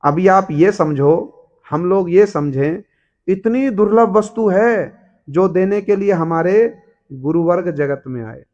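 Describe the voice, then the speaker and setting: A man's voice: high-pitched, takes it slowly, a little mellow. A man preaching a devotional storytelling sermon, often asking his listeners rhetorical questions and briefly voicing the characters. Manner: asks the audience rhetorical questions, acts out characters.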